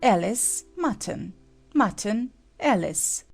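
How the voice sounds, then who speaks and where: A woman's voice: mid-range voice, animated, takes it slowly, vocal fry, husky, faint music behind, voice pushed up, heavily acted. A woman voicing an imperious, sulky queen in a dramatized children's audiobook, giving decisive, clipped commands. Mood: bossy. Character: imperious, sulky Red Queen chess piece, haughty adult woman.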